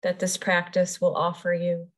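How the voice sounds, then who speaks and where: A woman teaching yoga nidra leads a meditation, her fairly low voice holding a monotone. She takes her time, calm and soothing, with pauses separating short phrases.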